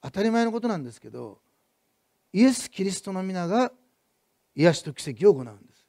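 Male pastor, quick-paced sermon delivery, swings between emphatic repetition and soft asides. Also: high voice, very animated, creaky, dry recording, clean studio sound. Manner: builds to loud emphatic repetition, then drops to soft asides.

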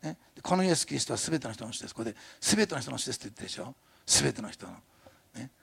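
An older man preaching a sermon as a pastor, chatty and animated, often adding tag questions and laughing. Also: mid-range voice, very fast, creaky, breathy edge.

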